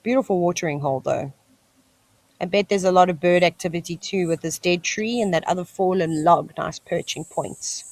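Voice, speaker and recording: A South African woman with a lowish, slightly mellow voice hosts a live wildlife stream at a moderate pace, with no room sound but cicadas screeching in the background. She gives enthusiastic nature commentary and talks to the animals on screen.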